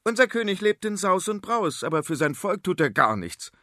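A man's voice: sits high, sing-song, moderate pace, pushed and bright, dry recording, clean studio sound, pitched above the performer's own voice, exaggerated voice. A man voicing a sturdy young farmer's son who speaks emphatically. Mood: emphatic.

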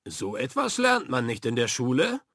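A man's voice: mid-range voice, wildly swooping pitch, normal speed, a bit bright, no room sound, clean studio sound, heavily acted. A man playing a boisterous, doting sea captain who is a father, in a hearty, exclamatory voice.

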